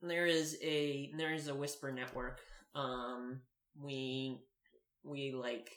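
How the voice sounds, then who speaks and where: Mid-pitched co-host, unhurried conversational delivery, roomy echoey sound. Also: level tone, fairly bright tone. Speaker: podcast co-host. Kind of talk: casual chat.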